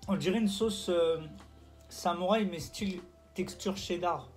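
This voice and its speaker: High-voiced young man chewing while talking. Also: unhurried, soft background music. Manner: relaxed, chatty, comments on each bite. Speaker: food reviewer. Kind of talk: casual food-tasting chat.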